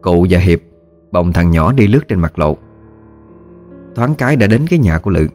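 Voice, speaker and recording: A man narrates a ghost story. His voice is on the low side and his delivery is steady and measured. Faint music plays underneath.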